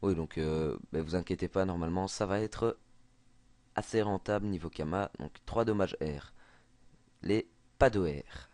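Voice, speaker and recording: Hesitant Belgian man, low voice. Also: moderate pace, darkish tone. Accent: Belgian French. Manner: hesitant, many fillers and restarts. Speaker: gaming tutorial maker. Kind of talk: casual screen-recorded game tutorial.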